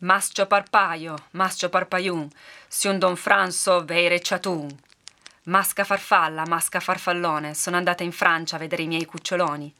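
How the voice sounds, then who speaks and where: A woman voicing a humble mountain witch woman who chants a spell in slow, drawn-out words. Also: fairly low pitch, level tone, bright, forceful tone. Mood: chanting. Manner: slow chanting incantation, then tearful lament.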